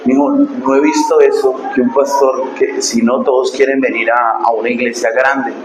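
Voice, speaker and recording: A man pastor, preaching a sermon and telling stories, dropping to hushed asides and rising to loud preaching. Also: mid-range voice, level tone, normal speed. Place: church hall. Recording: echoey hall with background noise.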